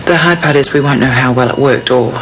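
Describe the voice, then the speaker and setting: An actor playing a calm, frank male hospital surgeon in a naturalistic TV soap. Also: mid-range voice, fast, close to an everyday voice. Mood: grave, measured. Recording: noisy TV soap scene.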